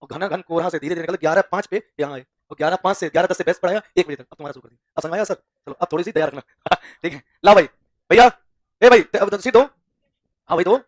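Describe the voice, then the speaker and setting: High, fast-talking male maths teacher. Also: dry recording, studio quality. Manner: quizzing students with repeated call-and-response questions; folksy, teasing classroom humor. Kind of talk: classroom maths lesson.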